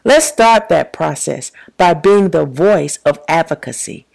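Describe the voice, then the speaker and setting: A woman in ministry, a podcast co-host, reading a prepared commentary with measured, preacherly emphasis. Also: deep voice, expressive, creaky, darkish tone, poor audio. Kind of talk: prepared commentary, read aloud.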